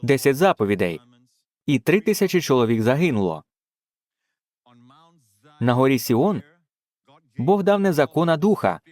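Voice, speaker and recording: Fervent male preacher, lively pitch. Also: moderate pace, pauses often, no room sound. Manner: fervent, punctuated with exclamations of praise. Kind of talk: dubbed sermon.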